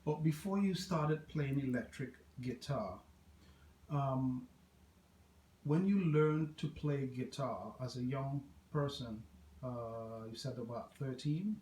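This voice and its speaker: A man's voice: mid-range voice, takes it slowly, warm tone, echoey room, poor audio. A man from Trinidad and Tobago hosting an interview, encouraging his guest and repeating answers back. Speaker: interviewer host. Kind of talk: interview conversation.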